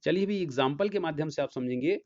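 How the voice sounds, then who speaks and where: A man with a Hindi accent giving an English lesson as a teacher, explaining slowly and checking often that students follow. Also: a little high, animated, darkish tone. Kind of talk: classroom lecture. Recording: dull lo-fi sound.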